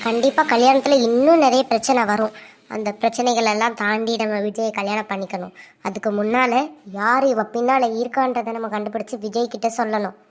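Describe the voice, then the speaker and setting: A woman's voice: on the high side, fairly even intonation, brisk, a little hiss or hum, close to an everyday voice. A woman voicing a scheming, two-faced young woman in a cartoon, with sly gloating asides. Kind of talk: cartoon voice acting.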